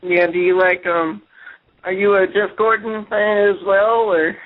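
A man hosts a relaxed call-in radio show through a speakerphone, so his voice comes through thin and tinny. His voice sits high for a man, and he talks loosely with plenty of fillers and halting pauses. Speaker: internet radio host. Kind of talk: casual call-in show hosting.

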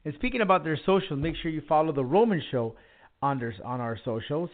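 A male podcast host speaks in an emphatic announcer style, with a fairly high voice. He sounds tinny, as if recorded down a telephone line. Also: expressive, a little fast. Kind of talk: upbeat wrestling and music show hosting. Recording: tinny phone-line internet radio audio.

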